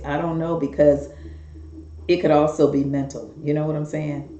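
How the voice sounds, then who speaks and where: On a roomy, dull lo-fi recording, a middle-aged talk show host speaks in a mellow, medium-pitched voice. Addressing viewers directly in a casual monologue, the host rambles through earnest warnings, repeating them.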